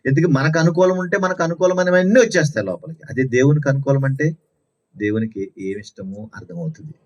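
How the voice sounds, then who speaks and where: A man's voice: medium pitch, fast talker, darkish tone. A man preaching a sermon at a Sunday house meeting, telling stories and asking rhetorical questions with lots of repetition. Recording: dull lo-fi recording.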